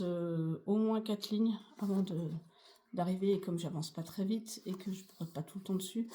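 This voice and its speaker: A woman's voice: medium pitch, warm tone. A woman vlogging casually about her cross-stitch projects, rambling and chatty with many fillers. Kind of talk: casual chatty craft vlog.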